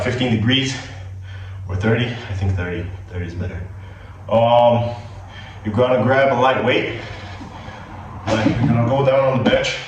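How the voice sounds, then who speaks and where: A man's voice: medium pitch, noisy background. A man, not a native English speaker, with an American-leaning accent, casually coaching a workout as a fitness vlogger. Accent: American-leaning English of a non-native speaker. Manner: loose, filler-heavy, talks like a gym buddy. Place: gym. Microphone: camera on a tripod at a distance. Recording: very echoey gym, distant camera mic, faint ambience.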